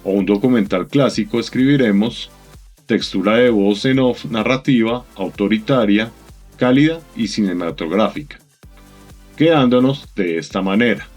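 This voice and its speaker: A man narrating a software tutorial in a calm, methodical, instructive voice-over. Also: on the low side, moderate pace, faint music behind.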